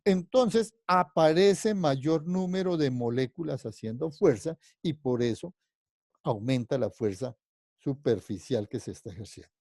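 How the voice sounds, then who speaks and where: A man's voice: mid-range voice, animated, measured pace, a little mellow, no room sound, clean studio sound. A man lecturing on physics, explaining step by step and often stopping to check with "¿sí?" and "¿cierto?" whether his students follow, sometimes rephrasing mid-sentence. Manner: explanatory, constantly checking understanding with questions; rephrases and restarts mid-sentence while thinking aloud. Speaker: physics professor. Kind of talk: university lecture.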